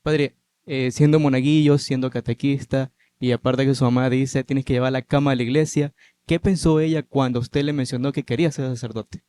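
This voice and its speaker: A man interviewing a priest on a podcast, asking polite, measured questions. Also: mid-range voice, steady tone, mellow, clear, resonant tone.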